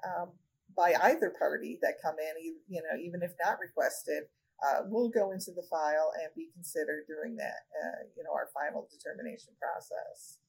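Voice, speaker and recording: A woman who directs a regional office of a state agency, answering interview questions in a measured way with many fillers. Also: deep voice, vocal fry, slightly rough, low-quality recording. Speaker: regional director of a state human rights agency, podcast guest.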